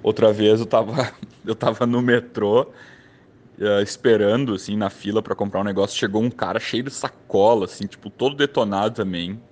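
A man's voice: on the low side, fairly even intonation, normal speed, a little mellow, dull audio. A man with a southern Brazilian gaúcho accent casually telling anecdotes in a loose, rambling way. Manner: loose, rambling, lots of fillers. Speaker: storyteller.

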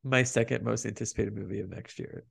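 A man's voice: lowish voice, steady tone, quick pace, gravelly, slightly rough. A man co-hosting a podcast, chatting casually about movie news and box office figures. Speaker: podcast co-host.

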